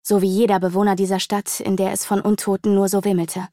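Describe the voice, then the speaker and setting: An audiobook narrator tells a fantasy novel in a vivid, dramatic style. Her pitch is middling for a woman, and she reads fast in a level, dark tone. The recording is dry and close, with no room sound.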